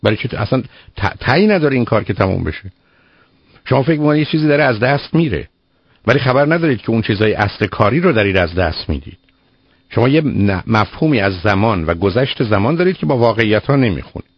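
A man's voice: mid-range voice, expressive, husky, no echo. A man hosting a radio call-in show, giving direct, lecturing advice with pointed rhetorical questions to a caller. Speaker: radio psychologist host. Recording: muffled radio broadcast audio.

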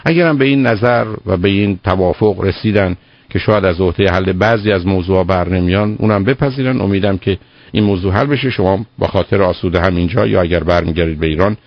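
A man hosts a call-in advice show on radio, speaking in a low voice. He lectures earnestly and piles up repeated words for emphasis. The sound is dry and dull, like a lo-fi broadcast. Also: no room sound.

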